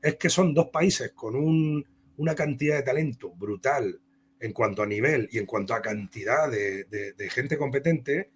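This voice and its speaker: Husky and mid-range, this man's voice moves a little slowly. He is a comic book author from Spain with a Castilian Spanish accent, recounting his career in a rambling, chatty way while being interviewed.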